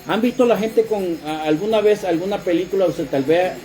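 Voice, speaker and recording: High-voiced man preaching a sermon. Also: brisk, mellow, faint music behind. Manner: storytelling preacher addressing the congregation.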